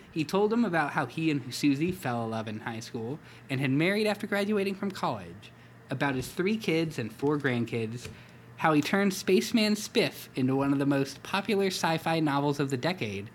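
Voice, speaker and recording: A man hosting a comedy podcast, reading a story aloud and breaking off for dry, halting asides. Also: fairly high pitch, big pitch swings, a little hiss or hum. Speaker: podcast host.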